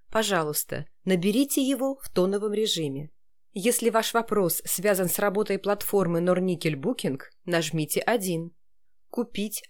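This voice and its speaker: Woman doing a phone menu voice, clear n measured, medium pitch, like an automated help line. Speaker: voice-over artist presenting a demo reel. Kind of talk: scripted phone menu announcements.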